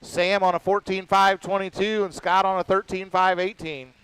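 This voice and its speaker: A man calling a radio-controlled car race live, reeling off lap counts and times one after another. His voice sits high and sounds smooth and clean. He keeps a casual, rapid-fire delivery. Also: flat delivery, fairly bright tone, dry recording, low-quality recording. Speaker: race announcer.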